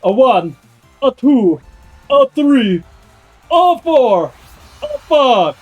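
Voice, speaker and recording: A booming male workout coach with a hammy mock Austrian accent, as a streamer puts him on. He barks slow, drawn-out rep counts in a raised, strained tone, set against faint background music. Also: very animated, muffled recording, exaggerated voice. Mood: commanding. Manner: loud, slow, drill-sergeant counting.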